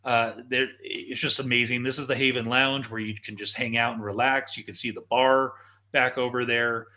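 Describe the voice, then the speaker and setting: A man's voice: mid-range voice, level tone, normal speed, bright, forceful tone. A man hosting a casual live show, enthusiastically walking viewers through video footage like a tour guide. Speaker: show host.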